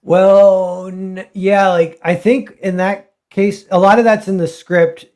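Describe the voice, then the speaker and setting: Guy artist on a livestream, kinda higher voice, lots of likes and um's. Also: fairly even intonation, takes it slowly, darkish tone. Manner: rambling, lots of "like" and restarts. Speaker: comic book artist guest. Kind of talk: casual livestream chat.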